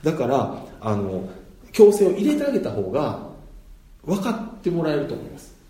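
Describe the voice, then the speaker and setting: A man with a Kansai accent holds forth in a relaxed, explanatory monologue, chuckling often between points. His voice is mellow and dark yet swings widely in pitch. The recording carries a noticeable room echo. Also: normal speed. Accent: Kansai Japanese. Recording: roomy echo.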